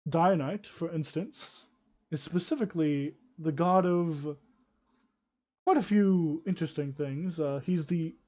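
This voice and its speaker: A man voicing a mild, scholarly old man in a tabletop game, explaining haltingly with small coughs. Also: a little high, warm tone, lightly acted. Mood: lecturing, measured. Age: older. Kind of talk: tabletop role-play.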